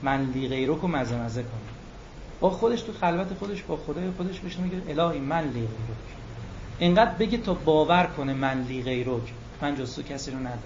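A man preaching a religious lecture in an animated way, drawing out words for emphasis. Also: fairly high pitch. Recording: muffled lo-fi recording with faint room noise.

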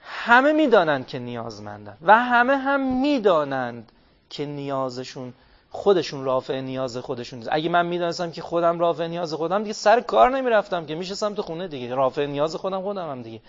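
Man, religious talk to a gathering, keeps asking the listeners questions, slow drawn-out emphasis, fairly high voice, dull lo-fi sound. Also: lively intonation, fairly bright tone. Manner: asks the audience many questions and answers them himself; stretches key phrases slowly for emphasis. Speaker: religious speaker. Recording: dull lo-fi recording.

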